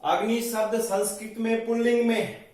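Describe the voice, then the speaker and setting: A man teaching Sanskrit grammar, slowly drilling and reciting word forms for his students. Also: extremely high pitch, little pitch movement, darkish tone. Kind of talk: classroom lecture with recitation. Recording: very echoey room, voice from a distance.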